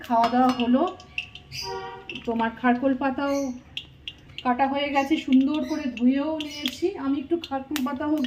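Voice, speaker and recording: A woman's voice: sits high, noisy background. A woman from chatting casually in her home kitchen as she cooks for her vlog, stumbling now and then while she tries out a dialect. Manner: chatty, laughing at her own slips while trying a dialect. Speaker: cooking vlogger.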